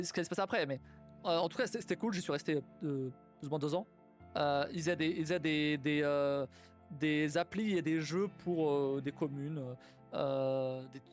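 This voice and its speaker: A young man with a slightly higher voice talks casually on a live stream, rambling and swearing as he goes. Faint music plays softly behind him. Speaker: streamer and game developer.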